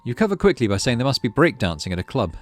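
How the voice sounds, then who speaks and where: A man with a mid-range voice narrates on-screen story text for his gaming channel, sounding very animated and talking very fast. Soft music sits in the background as he mixes reading with casual commentary.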